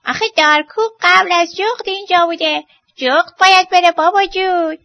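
A woman voicing a practical, fussy badger in a storybook, insistent and quick. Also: very high voice, no echo, highs cut off, pitched above the performer's own voice.

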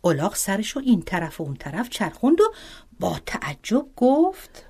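A woman narrating a children's story in an expressive, sing-song way. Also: mid-range voice, slightly rough.

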